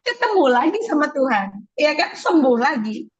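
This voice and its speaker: A middle-aged woman giving a personal faith testimony as an interview guest, telling her story in an animated way and acting out the voices she quotes. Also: high voice, moderate pace, no room sound. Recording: dull lo-fi sound.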